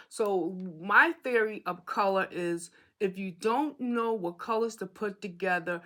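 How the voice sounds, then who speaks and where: Demonstrating embroidery casually, this woman chats through the materials and keeps asking "okay?". Her voice is mid-range and bright, with a forceful tone.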